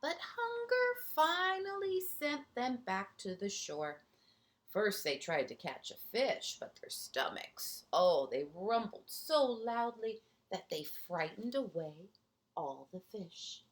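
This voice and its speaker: Reading a storybook to a kindergarten class, this woman keeps a slow, steady pace while her pitch bounces animatedly. She breaks from the text with expressive asides, noting little details and quizzing her young listeners.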